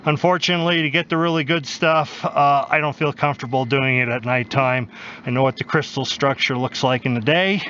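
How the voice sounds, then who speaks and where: A man giving easygoing, matter-of-fact narration to camera while hiking a snowy mountain trail at night, with pauses and fillers. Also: mid-range voice, fairly even intonation, bright, forceful tone. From United States. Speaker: mineral prospecting vlogger. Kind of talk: casual outdoor narration to camera. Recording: dull lo-fi outdoor camera audio with noise.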